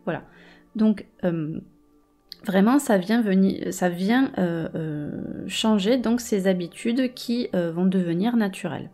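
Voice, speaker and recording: A woman's voice: mid-range voice, takes it slowly, warm tone, faint music behind. A woman teaching informally, hesitantly searching for her words as she speaks directly to the listener. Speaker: meditation and hypnosis teacher.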